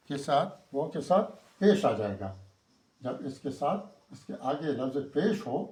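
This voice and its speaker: Man slowly teaching letter sounds, echoey room. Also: medium pitch, a little mellow. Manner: repeats each letter slowly, then explains; writes on a board while explaining. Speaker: Quran reading teacher. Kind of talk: step-by-step letter pronunciation lesson. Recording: roomy echo.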